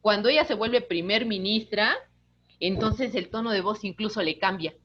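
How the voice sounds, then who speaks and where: A woman, an instructor giving a lively online lecture, talking with her hands. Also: medium pitch, normal speed, lo-fi sound, background noise. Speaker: course instructor.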